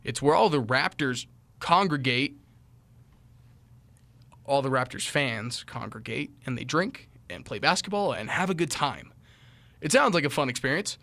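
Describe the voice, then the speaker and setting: A man hosting a comedic sports commentary vlog. He talks in an animated, jokey way and often mocks himself in asides. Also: mid-range voice. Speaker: host.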